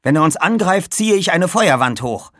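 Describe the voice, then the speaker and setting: A man's voice: sits high, lively intonation, moderate pace, fairly bright tone, no echo, studio quality, voice pushed up. A man voicing a nervous, quarrelsome boy apprentice mage in a raised, urgent storybook voice. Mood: anxious urgent.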